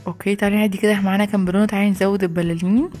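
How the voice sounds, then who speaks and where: Woman voicing a fast-talking scheming boy. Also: mid-range voice, steady tone, dark tone, faint music behind, natural voice. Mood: plotting. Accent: Egyptian Arabic. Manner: scheming, rapid chatter. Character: mischievous young boy prankster. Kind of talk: toy play video voice acting.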